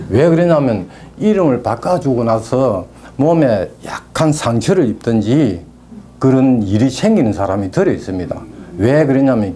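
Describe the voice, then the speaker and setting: A man's voice: mid-range voice, dark tone, slight background noise. A middle-aged man with a Gyeongsang Korean accent, telling stories from his work as a naming consultant in casual talk. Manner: storytelling with rambling asides.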